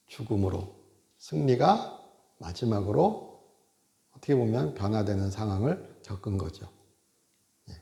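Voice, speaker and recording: A male pastor delivers a Sunday sermon in a loose, conversational way, peppering his lines with short affirmations. His voice is dark and mellow at a middling pitch. The sound carries the reverb of a roomy church sanctuary. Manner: conversational preaching with frequent interjected "yes"; animated, acts out God scolding in raised voice. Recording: echoey church hall.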